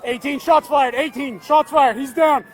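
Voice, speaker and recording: A man's voice: extremely high pitch, steady tone, normal speed. A man, a police officer, calling out urgently over a police radio transmission. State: urgent, keyed up. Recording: distant radio audio over loud sirens. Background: wailing sirens and traffic.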